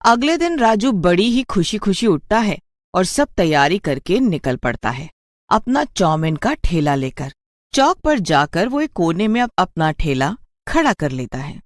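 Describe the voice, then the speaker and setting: An expressive narrator tells a scripted cartoon story at an unhurried pace. The pitch is moderate yet shifts a lot from phrase to phrase, and the recording is dry with no audible room.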